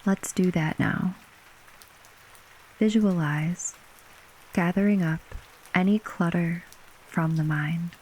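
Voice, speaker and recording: A woman narrating a bedtime sleep story as guided relaxation, gently and unhurriedly, with long pauses between short phrases. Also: on the low side, slight background noise, rough recording. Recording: steady rain ambience behind voice. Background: rain falling.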